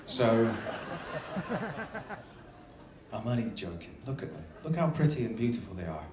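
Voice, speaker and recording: A man's voice: medium pitch, sing-song, a little slow. Male captain as stage host, dry and teasing, echoey noisy theatre capture. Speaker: ship's captain hosting staff introductions. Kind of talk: joking live stage introductions to an audience. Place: theatre stage on a cruise ship. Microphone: handheld PA mic, filmed from the seats. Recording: echoey theatre, noisy phone recording from audience.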